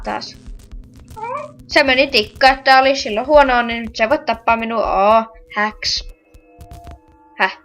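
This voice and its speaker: A woman chats casually through a horror game while recording a let's play. She shrieks and yells whenever she gets scared. Her voice sits on the higher side, with faint game music in the background. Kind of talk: casual gameplay commentary.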